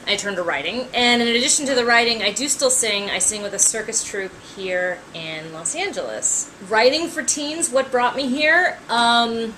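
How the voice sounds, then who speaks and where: Woman in her thirties, bright tense voice, a bit high, chatty, lots of ums, faint background noise. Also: moderate pace, few pauses, poor audio. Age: 30s. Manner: chatty, frequent ums, wry asides. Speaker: author. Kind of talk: casual talk to camera.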